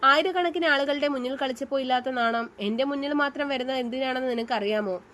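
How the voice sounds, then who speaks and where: A woman's voice: sits high, fast talker, fairly bright tone, slight background noise. Manu, a cocky young college leader, read by a woman. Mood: teasing, tender. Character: young male college union leader, confident, teasing, romantic.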